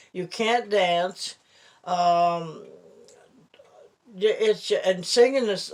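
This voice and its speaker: A woman of about eighty talking casually and haltingly in a personal vlog, her lips over her gums with few teeth, slightly slurring her words. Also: on the low side. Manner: slow, halting, rambling delivery. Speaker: vlogger.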